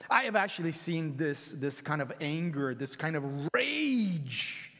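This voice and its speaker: Animated preacher in a reverberant hall. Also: male voice, fairly high pitch, measured pace. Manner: animated, acts out quotes with sudden loud exclamations. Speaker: pastor. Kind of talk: sermon. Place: church sanctuary.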